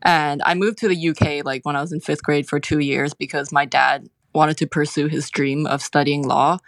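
Over a low-quality recording with no room sound, a Hong Kong woman in her twenties answers interview questions in a low, steady voice at a moderate pace. She sounds thoughtful and unsure, often falling back on fillers, especially "like."

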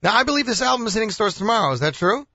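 A man's voice: sits high, very animated, very fast, pushed and bright, dry recording, muffled recording. A man hosting a radio interview, asking questions conversationally and chiming in with short acknowledgments. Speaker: radio host.

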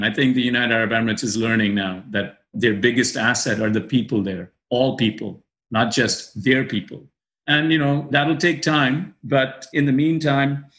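A man's voice: medium pitch, fairly bright tone. A man from the UAE, a guest in a casual interview, telling his story candidly with frequent laughs and restarts. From grew up in the UAE. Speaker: podcast guest, managing director.

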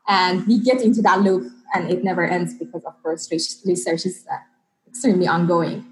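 A woman's voice: lowish voice, fairly even intonation, low-quality recording. Iran-born woman, earnest podcast guest. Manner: earnest, slightly halting non-native phrasing with fillers. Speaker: guest, PhD student in biomechanics. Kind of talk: conversational interview answers.

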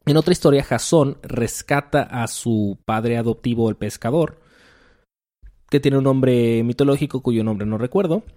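A man's voice: mid-range voice, a little slow, warm tone. A man recapping a comic book in casual chat, acting out the characters' lines as he goes. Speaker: podcast co-host.

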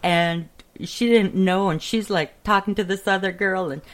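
A woman's voice: mid-range voice, moderate pace. A woman co-hosting a radio show, teasing her partner and telling chatty stories. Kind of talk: casual banter and storytelling.

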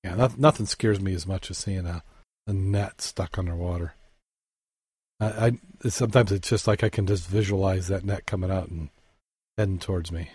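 Man, podcast co-host, reads articles aloud, halting, lots of uhs, deep-ish voice. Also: fairly even intonation, a little mellow, husky, dry recording. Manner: halting, with fillers and self-corrections. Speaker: podcast co-host reading dive news. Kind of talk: casual news reading and chat.

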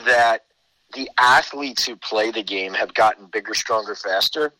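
A man's voice: lowish voice, a little slow, pushed and bright, no room sound, poor audio. A man giving conversational sports analysis as a podcast guest, explaining his case point by point.

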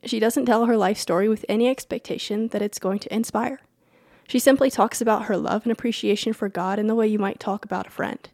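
A woman's voice: mid-range voice, fairly even intonation, fairly quick, creaky, a little mellow, no echo, clean studio sound. A woman podcast host who reads her show's announcements and introduction, then chats with a guest, talking in a chatty way, apologizing and laughing easily. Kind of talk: scripted podcast intro and casual interview.

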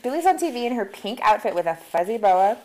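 A woman's voice: medium pitch, very animated, quick pace, a little mellow, slight background noise, low-quality recording. Chatty woman podcast co-host recapping a film. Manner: chatty, laughs often, quotes characters mid-recap. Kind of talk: casual chat recapping a film.

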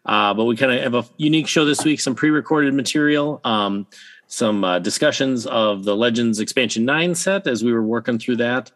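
A man's voice: mid-range voice, moderate pace, fairly bright tone. A man guesting on a casual podcast, chatty as he plugs his own show. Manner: chatty, promotional.

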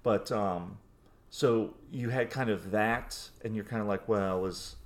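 A man in his forties with a fairly low voice co-hosts a podcast. He chats in a loose, nostalgic way, often circling back and restarting his sentences. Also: steady tone, measured pace. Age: 40s. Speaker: podcast co-host. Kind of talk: casual chat.

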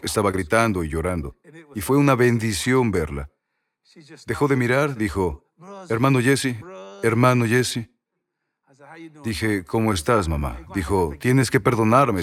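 Male preacher, sermon delivery, very animated intonation, insistent repetition. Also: fairly low pitch. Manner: repetitive, emphatic preaching with rhetorical questions.

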